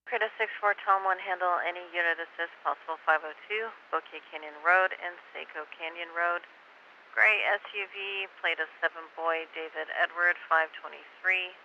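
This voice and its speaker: A man's voice: high-pitched, steady tone, normal speed, vocal fry. A man working as a police dispatcher on a police radio transmission, reading out codes, locations and plate details in clipped radio traffic. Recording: muffled scanner radio with hiss.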